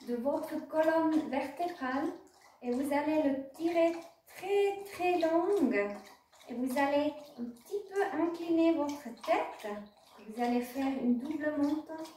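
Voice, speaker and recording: A yoga nidra teacher with a high, darkish voice guides a meditation very slowly, pausing between short instructional phrases. The room is very echoey, the microphone sits at a distance, and there is slight background noise.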